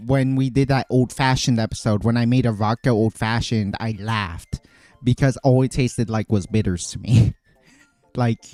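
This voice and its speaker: A man's voice: medium pitch, steady tone, measured pace, darkish tone, dry recording. Rambling man chatting on a stream. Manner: rambling, chatty, frequent fillers and restarts. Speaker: streamer making cocktails. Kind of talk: casual chat.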